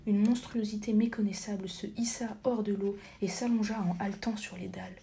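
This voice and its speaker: A woman narrating a story as a whispered audiobook reading, soft and half-whispered, with occasional slips she corrects. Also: medium pitch, steady tone, fairly quick, creaky, slight background noise.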